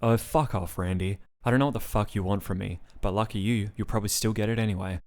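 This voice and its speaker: A man's voice: on the low side, fast, a little mellow, lightly acted. A man reading the part of an angry, sarcastic young woman patient in a storybook reading. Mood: furious. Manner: sarcastic, swearing tirade.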